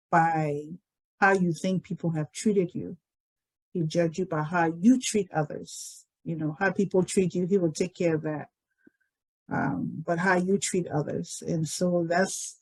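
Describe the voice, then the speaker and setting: A woman tells her life story at a very slow, deliberate pace. She speaks in a lowish voice and pauses often as she gathers her thoughts. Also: darkish tone, poor audio. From Liberia. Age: 60s. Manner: unhurried, thoughtful, many pauses and "um"s. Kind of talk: reflective personal storytelling.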